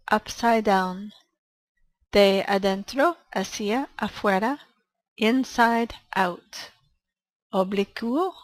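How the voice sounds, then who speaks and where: A woman gives a bilingual language lesson at a very slow, deliberate pace, pausing after each phrase. Her voice sits at a middle pitch, and she reads each line carefully. is her tongue. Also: rough recording. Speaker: English teacher.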